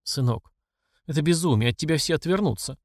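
A man's voice: a little high, lively intonation, a little fast, dry recording, clean studio sound. A man voicing a cold, proud older woman, a dowager empress, with an icy, clipped way of talking.

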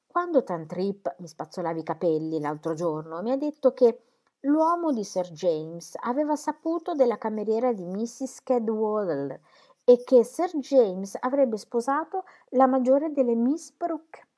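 A woman's voice: fairly high pitch, animated, a little slow, mellow, voice pushed up. A woman voicing a needling young Celia. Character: young woman Celia, sharp, teasing, gossipy.

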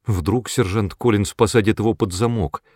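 A man's voice: lowish voice, steady tone, normal speed, darkish tone, no room sound, clean studio sound, natural voice. A man reading an audiobook, voicing an anxious, tender-hearted young girl with a worried, pleading manner.

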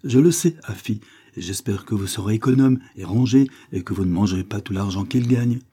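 A man voicing a kindly, composed gentleman lawyer who speaks in a gentle, measured way. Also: lowish voice, husky. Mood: wry.

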